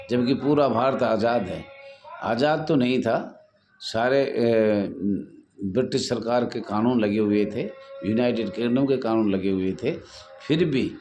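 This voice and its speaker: A man's voice: medium pitch, a little mellow, a little hiss or hum. Earnest man pleading with supporters. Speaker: home guard association leader. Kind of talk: addressing supporters in a live online talk. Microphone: phone.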